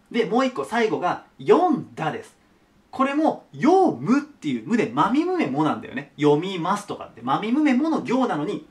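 A man teaching a grammar lesson at a whiteboard, chatty and animated, talking to viewers as his students. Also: sits high.

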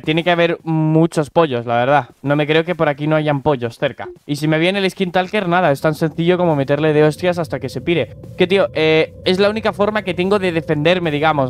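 Young man, Spain Spanish accent, slangy game commentary, higher voice, faint background hiss. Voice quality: slangy, joking, talks to viewers and animals. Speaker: gaming YouTuber. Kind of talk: casual gameplay commentary.

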